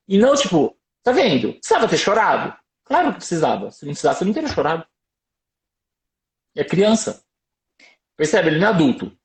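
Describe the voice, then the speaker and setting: A Brazilian man, a doctor, giving parenting advice on a live stream in a lively, explaining way with anecdotes. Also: a little high, quick pace, vocal fry, pauses often, reverberant. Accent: Brazilian Portuguese. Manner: lively explaining, tells anecdotes, asks "percebe?".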